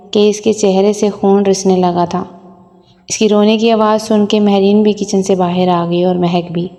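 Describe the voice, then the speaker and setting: A woman storyteller giving a steady, plain first-person story reading. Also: medium pitch. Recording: long reverb.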